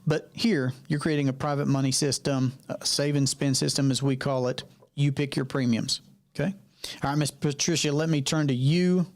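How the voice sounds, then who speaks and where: A man from North Carolina hosts a live question-and-answer session as a financial coach, heard through a video call. He speaks at a middling pitch in an easy, conversational way. He often repeats his main points and turns to people by name. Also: steady tone, normal speed. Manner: conversational, repeats key phrases, addresses participants by name. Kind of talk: live online Q&A.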